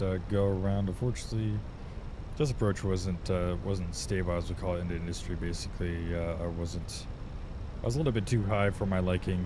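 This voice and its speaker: A man playing a calm, apologetic airline captain making a measured, polite pilot announcement to passengers, with hesitant pauses. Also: lightly acted. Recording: clear low rumbling background noise.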